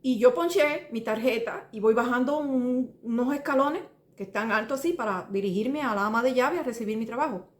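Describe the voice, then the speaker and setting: A woman's voice: a little high, brisk, few pauses. Earnest Cuban woman testifying, roomy sound. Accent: Cuban Spanish. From Cuba. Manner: earnest, rambling, restarts and repeats details, addresses listener as brother. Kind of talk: personal testimony. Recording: roomy echo.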